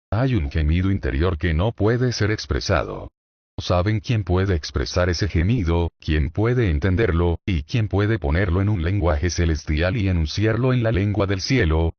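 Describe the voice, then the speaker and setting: Reading a sermon solemnly and with oratorical force, this deep-voiced man relies on rhetorical questions to make his case. His voice is very low, and the dull, lo-fi recording has no reverb whatsoever.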